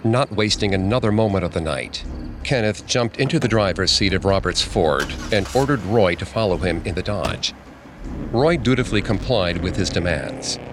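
A man narrating a scripted true-crime story in a steady, grave manner. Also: fairly low pitch, normal speed, background noise. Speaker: podcast narrator.

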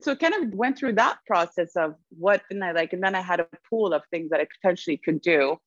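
A young woman raised in Sweden as an interview guest, reflective and quick to laugh. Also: fairly low pitch, lively intonation, dry recording, dull audio. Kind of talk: conversational interview.

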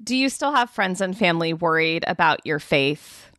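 A woman's voice: lowish voice, lively intonation, normal speed, a bit bright, dry recording, studio quality. A woman hosting a podcast who talks easily, asks questions and laughs lightly. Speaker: podcast host. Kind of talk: casual conversation.

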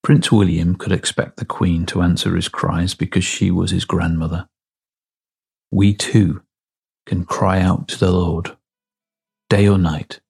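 A man with a very low, gravelly voice reads a devotional in an unhurried, reverent way. His tone is husky and a little rough at the edges. Every phrase is measured and deliberate. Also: darkish tone. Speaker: devotional reader. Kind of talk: scripted devotional reading.

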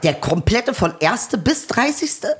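A woman's voice: on the high side, very animated, slow, breathy edge. A woman co-hosting a casual chat, teasing her partner and laughing often.

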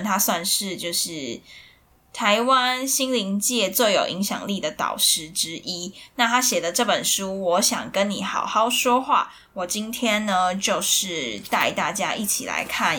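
A woman's voice: mid-range voice, sharp tone. A woman, casually summarizing a book in a conversational, explaining way. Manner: conversational, filler-heavy explaining. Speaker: book reviewer.

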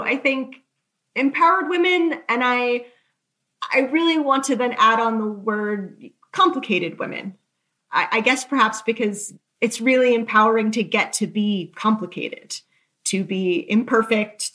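A woman with a fairly high, fairly bright voice is interviewed as an author. She chats candidly, telling anecdotes while hedging loosely and making self-deprecating asides.

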